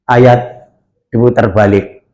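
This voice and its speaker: A man preaching a lively sermon, telling stories and asking the congregation questions. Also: medium pitch, slow pace. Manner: animated storytelling, asks the congregation questions. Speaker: pastor. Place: church hall. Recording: echoey church hall.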